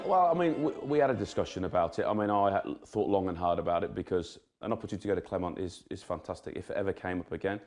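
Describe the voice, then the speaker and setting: A man's voice: sits low, very fast, hardly any pauses, darkish tone, faint music behind. A man in his forties from England, a rugby coach answering interview questions hesitantly, with many ums and laughing asides.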